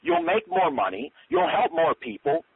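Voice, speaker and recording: A man's voice: fairly high pitch, huge pitch swings, moderate pace, creaky, breathy edge. A man giving a recorded business training talk, earnest and repetitive, acting out sample sales calls. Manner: earnest, repeats and restarts, acts out sample calls. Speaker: business coach. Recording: tinny phone-line sound.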